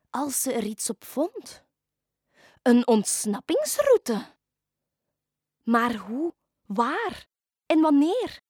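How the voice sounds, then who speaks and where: A woman reading a children's story aloud in an expressive, lively way. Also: on the high side, dry recording, clean studio sound. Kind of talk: scripted storybook narration.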